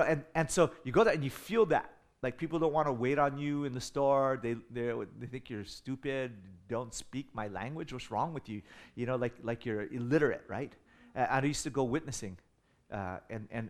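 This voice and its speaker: A middle-aged man from the United States preaching a sermon, telling stories with humor and building in intensity. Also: medium pitch. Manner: animated storytelling with humor, rising in volume for emphasis. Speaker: pastor.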